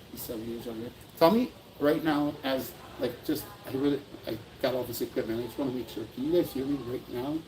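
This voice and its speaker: A man speaks into his phone on a livestream outdoors at a memorial, earnest and rambling as he talks to his viewers. His voice has a gravelly, creaky edge at a middle pitch. Faint noise sits in the background. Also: darkish tone, poor audio. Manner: earnest, rambling, often apologizing and addressing viewers. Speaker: livestream host at a memorial event. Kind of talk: emotional livestream talk.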